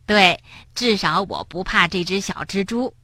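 A woman's voice: medium pitch, a little slow, sharp tone, no room sound, clean studio sound. A woman voicing a cheeky, playful male frog who teases his friend in a children's storybook. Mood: mocking. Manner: teasing, sing-song storybook voice.

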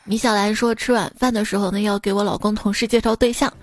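A woman's voice: mid-range voice, steady tone, fast, soft background music. A woman hosting a podcast, reading listener jokes aloud in a chatty, teasing way. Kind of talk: casual comedic reading.

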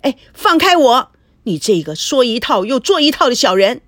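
A woman acts out a shrill, jealous young wife in an audio novel, shrieking insults and sneering at her rivals. Her voice leaps all over its range, recorded dry and close. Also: big pitch swings, moderate pace, no room sound. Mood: furious. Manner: shrieking, scornful.

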